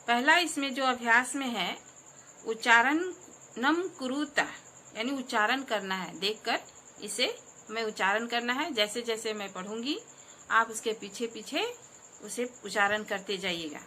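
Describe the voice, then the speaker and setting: A woman Sanskrit teacher giving a school lesson, dictating words slowly and clearly and pausing for pupils to repeat. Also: on the high side, bright, forceful tone, slight background noise.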